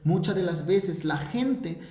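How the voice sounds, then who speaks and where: A man's voice: high-pitched, animated, slow pace, dark tone. A Mexican man teaching a Bible lesson in an earnest preaching manner, often repeating words as he searches for the next phrase. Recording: echoey room.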